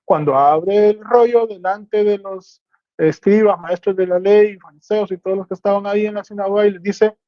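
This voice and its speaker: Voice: mid-range voice, steady tone, normal speed, no room sound. Explanatory Bible teacher, dull lo-fi sound. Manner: explanatory, checks understanding with rhetorical questions. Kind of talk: teaching sermon.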